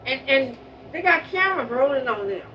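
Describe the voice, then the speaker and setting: In a muffled recording from a distant mic with steady noise behind her, a woman who lives in public housing earnestly recalls a neighbor. She has a high voice and moderate pace, and her emotional remembrance is full of repeated and restarted words.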